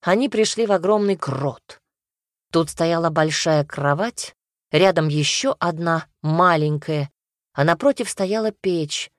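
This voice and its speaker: A woman tells a fairy tale aloud in a low voice. Her reading is steady and expressive. The sound is close and dry. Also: unhurried, no room sound. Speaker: storyteller.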